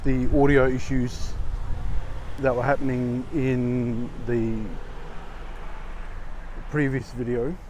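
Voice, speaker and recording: An Australian man talks to his vlog as he walks outdoors on a blustery day. His delivery is slow and halting, at an average male pitch, in loose casual rambling. Wind buffets the lavalier mic, laying some noise over his voice. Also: level tone, a little mellow, low-quality recording. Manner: halting, unhurried. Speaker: vlogger. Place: outdoors, walking in a street in strong wind.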